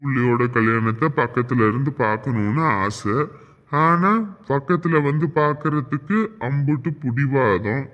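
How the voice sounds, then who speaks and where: A middle-aged man playing a father in a scripted village family drama, calm and resigned. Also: mid-range voice, a little slow, long reverb tail, lo-fi sound.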